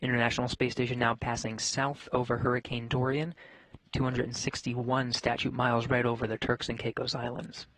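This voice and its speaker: Guy doing live space mission commentary, flat even delivery, very dry close sound. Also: medium pitch, fairly quick, no room sound, poor audio.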